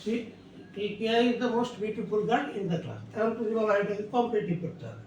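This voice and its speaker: A Bengali-speaking man with a Bangladeshi accent teaching English grammar, explaining slowly and repeating each word as he writes it on the board. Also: high-pitched, darkish tone, distant mic. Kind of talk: slow classroom explanation while writing on a board. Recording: very echoey room, voice away from the mic, faint noise.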